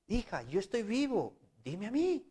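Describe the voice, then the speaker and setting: A man preaching voices a worried middle-aged father pressing his daughter to talk to him, his voice climbing higher and louder. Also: sing-song, moderate pace. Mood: exasperated. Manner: insistent, rising to exasperated exclamations.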